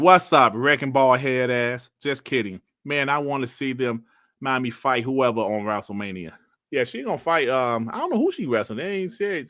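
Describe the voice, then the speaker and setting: Bright-voiced man in his forties, banter. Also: medium pitch, no echo, clean studio sound. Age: 40s. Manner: loud, laughing, slangy banter with chat. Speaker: streamer reading live chat. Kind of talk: casual livestream chat.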